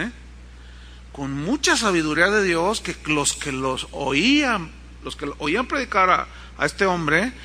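A man preaching a sermon in a conversational way, with asides to the congregation and acted-out quotes. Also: high-pitched. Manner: animated storytelling, acting out quotes.

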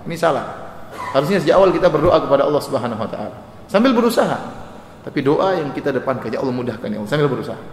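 A man preaching a sermon to an audience in a lecture hall, animated and quick, mimicking overdone prayers in a sing-song voice. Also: medium pitch. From Indonesia. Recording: echoey hall, long reverb, faint noise.

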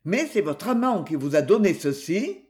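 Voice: mid-range voice, big pitch swings, moderate pace, a little mellow, close to an everyday voice. A reader voicing a brusque male police inspector who questions bluntly. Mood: probing. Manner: blunt, interrogating.

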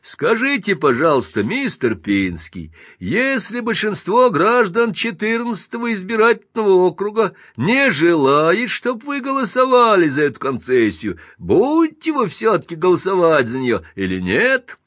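A man voicing a townsman who questions in a deliberately sugary, mock-polite voice. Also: sits high, sing-song, a bit bright, no room sound, clean studio sound, pitched above the performer's own voice, heavily acted. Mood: mock-sweet.

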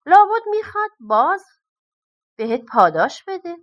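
A woman voicing a sly, greedy male miser in a storybook reading, sneering and shrill. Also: very animated, muffled recording. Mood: scheming.

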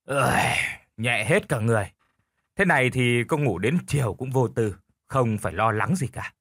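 A man's voice: mid-range voice, animated, a little fast, a bit bright, no room sound, studio quality. A man voicing a lazy, stubborn old village husband who argues back smugly. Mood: stubborn bickering. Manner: stubborn, quarrelsome.

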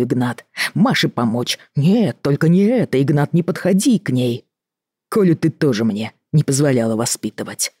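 Reader as a weary middle-aged doctor at the end of his rope; reproachful, husky, dry. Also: mid-range voice, a little mellow, dry recording. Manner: tired, reproachful, measured. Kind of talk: audiobook reading.

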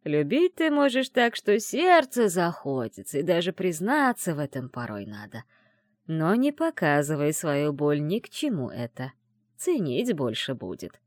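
A gruff old village witch with grey hair, scolding and teasing her young ward in a plain, homely way, as a woman reads her in a storybook. The voice swings lively up and down and sits close and dry. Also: deep voice, a little slow, dry recording. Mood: lecturing.

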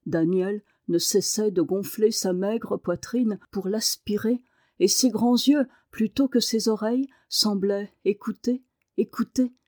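A woman reading a novel aloud as an audiobook narrator, with measured, expressive narration. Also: mid-range voice, dry recording, clean studio sound.

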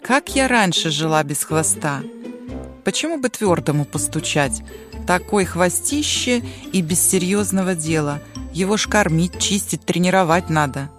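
A woman's voice: fairly low pitch, expressive, normal speed, music in the background, lightly acted. A woman voicing a brash, bossy girl turned into a dragon, mocking and domineering. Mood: boastful.

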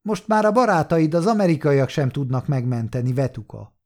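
A man reading an audiobook who voices a ruthless, armed gold-hunter with a sharp, threatening way of talking. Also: fairly high pitch, lively intonation. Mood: cold, threatening.

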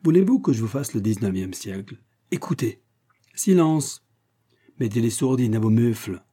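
A man's voice: mid-range voice, lively intonation, normal speed, warm tone, breathy edge. A man reading the part of a clowning male caricaturist at a rowdy dinner in an audiobook, theatrical and mocking.

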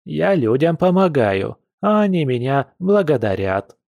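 A man's voice: on the high side, sing-song, creaky, darkish tone, no room sound, clean studio sound, pitched above the performer's own voice, exaggerated voice. Man putting on a crafty old village granny. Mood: grumbling, wheedling. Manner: folksy, wheedling, drawn-out speech. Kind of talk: audiobook character voice.

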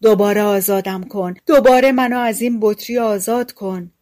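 A woman's voice: mid-range voice, lightly acted. A woman voicing a vengeful bottle spirit. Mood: pleading. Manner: loud and menacing, turns pleading. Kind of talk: audiobook reading.

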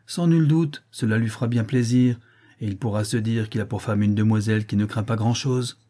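Reading aloud, a man voices a haughty, furious old noblewoman who speaks with crushing scorn and turns shrill when enraged. His own voice is natural and dark, brisk in pace, with fairly even intonation.

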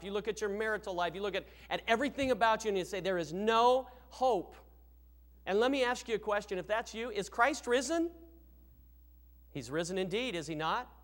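A man preaching a sermon as pastor in a church, emphatic and asking rhetorical questions. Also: high voice.

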